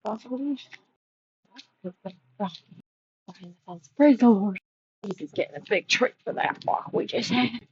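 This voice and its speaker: A young woman vlogger telling a casual storytime in a chatty, animated way. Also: mid-range voice, a little slow, husky, no room sound. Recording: dull lo-fi with faint noise.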